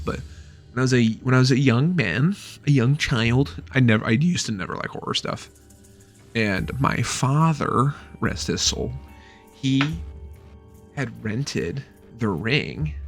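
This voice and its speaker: A man's voice: medium pitch, lively intonation, slow pace, gravelly, faint music behind. A man in his thirties giving a loose, rambling book review at home, swearing freely.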